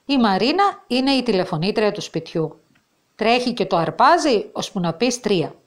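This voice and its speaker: A woman reading a children's story from an old school reader aloud, voicing the characters' lines with extra expression. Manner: expressive reading, raising pitch and voice for the quoted characters.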